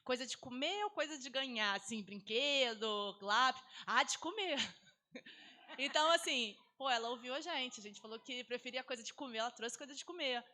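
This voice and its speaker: A woman teacher speaking in an interview, telling about her pupils and acting out their lines as she goes. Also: moderate pace. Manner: animated, acts out pupils' lines in a higher voice. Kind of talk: interview, casual recollection.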